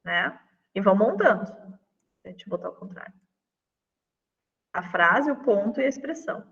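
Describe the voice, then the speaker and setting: A woman's voice: mid-range voice, animated, normal speed, gravelly, a bit bright, long reverb tail, far from the mic, highs cut off. A woman teacher, walking colleagues through classroom games in an online lesson, chatty and full of fillers. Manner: chatty, demonstrates games on screen with many fillers.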